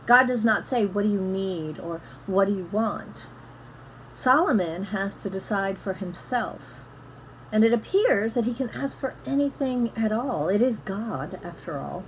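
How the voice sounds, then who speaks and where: Middle-aged woman preaching gently at home. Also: mid-range voice, animated, a little hiss or hum, low-quality recording. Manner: gentle, measured, conversational preaching. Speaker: pastor. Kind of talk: sermon. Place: home room with bookshelves. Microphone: laptop webcam, close framing.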